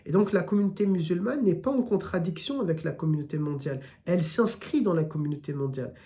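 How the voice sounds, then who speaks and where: A man's voice: high voice, animated, quick pace, warm tone. A man from France with an Occitan-tinged French accent, teaching a weekly religion lesson in short repeated phrases.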